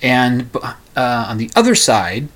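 A male radio host talking casually at mid pitch. He rambles in a halting way, circling back to correct and qualify himself as he goes. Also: sing-song, a bit bright. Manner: halting, meandering, self-correcting. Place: upstairs bedroom at home.

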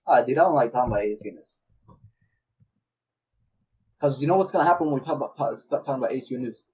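A man's voice: mid-range voice, lively intonation, quick pace, a little mellow, a little hiss or hum, low-quality recording. A young man co-hosting a casual podcast chat, laid-back and teasing, with stammering restarts. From Arizona, US. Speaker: podcast co-host.

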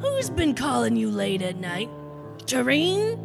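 A woman's voice: a little high, big pitch swings, slow, gravelly, loud music behind the voice, heavily acted. A woman voicing a scornful, jealous wife in an improv comedy scene. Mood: mocking.

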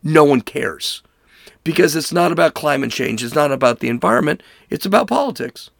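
A man's voice: fairly high pitch, expressive, a little fast, vocal fry, dry recording, clean studio sound. A man giving angry, emphatic political commentary, hammering points through repetition. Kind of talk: ranting commentary.

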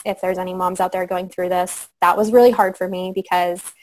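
A young woman guest on a podcast interview, speaking softly and reflectively with frequent pauses and fillers. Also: on the low side, level tone, poor audio. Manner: soft, reflective, many fillers. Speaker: guest sharing her story. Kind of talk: conversational interview.

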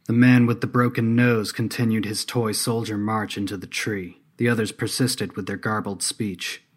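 A man narrating a scripted story in a steady, measured way. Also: on the low side.

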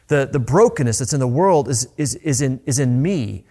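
A man's voice: medium pitch, animated, normal speed, mellow. A man preaching a sermon as a pastor, earnest and conversational, often restarting his phrases.

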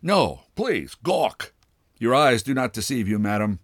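A man voicing a bitter, pompous old father with a wooden leg, speaking with sardonic, drawn-out mockery in a storybook reading. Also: on the low side, expressive, no echo, studio quality. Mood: scornful.

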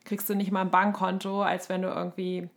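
Speaking fairly quickly in a low, flat voice, this podcast co-host from Germany, in her thirties, chats casually through anecdotes. Her colloquial talk is sprinkled with English words.

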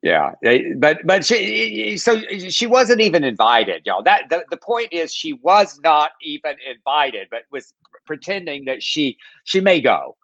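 A man's voice: fairly high pitch, very animated, unhurried, a bit bright, no room sound. A man co-hosting a casual chat show, campy and sassy, often stumbling over restarts. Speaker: podcast co-host. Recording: dull, dry lo-fi sound.

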